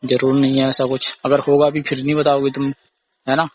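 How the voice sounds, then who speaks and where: This recorded phone call features a young man, boyfriend or husband, casually arguing in a repetitive, accusing, aggrieved manner. He speaks briskly in a monotone, mid-range voice, with a little hiss or hum in the audio.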